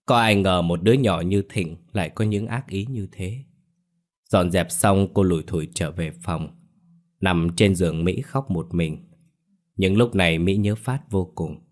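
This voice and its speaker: Brief: male storyteller, deep voice, steady scripted narration.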